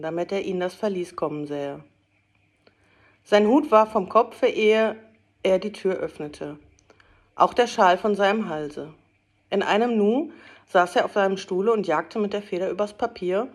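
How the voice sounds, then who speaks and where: Expressive female audiobook narrator. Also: mid-range voice, normal speed. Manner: lively, voices the characters.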